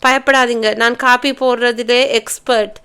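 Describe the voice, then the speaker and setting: A woman's voice: on the high side, fairly even intonation, measured pace, pushed and bright, clean tone. A woman narrator voicing a shy, bashful young woman who protests her sister's teasing.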